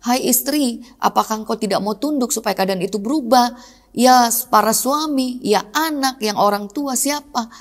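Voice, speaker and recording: A woman's voice: fairly high pitch, moderate pace. A middle-aged woman pastor giving a sermon in a conversational, personal way, often turning directly to her congregation.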